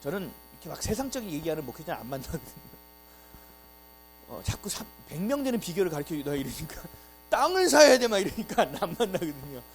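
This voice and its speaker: A male pastor giving an animated Sunday sermon, full of rhetorical questions and acted-out quotes. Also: a little high, fast talker, soft background music, rough recording. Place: church sanctuary.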